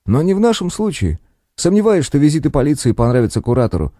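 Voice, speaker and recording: A man's voice: fairly high pitch, big pitch swings, fast talker, warm tone, dry recording, studio quality, pitched above the performer's own voice. A man voicing a strange, laconic sorcerer with a cawing manner who talks dismissively. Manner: dismissive, shrugging. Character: odd raven-like sorcerer, cawing laugh, laconic.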